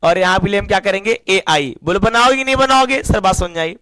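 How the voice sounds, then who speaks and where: Man, young, high-pitched, dry sound, teacher, lively call-and-response questioning. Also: a little fast, no room sound. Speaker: English teacher. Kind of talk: classroom lesson.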